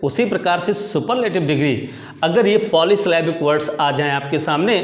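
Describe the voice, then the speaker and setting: A man with a high voice delivers a grammar lesson in lecture style. He repeats the key words and keeps putting questions to his students. The sound has a roomy echo. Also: moderate pace. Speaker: English grammar teacher. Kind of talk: classroom lecture in Hindi. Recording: echoey room.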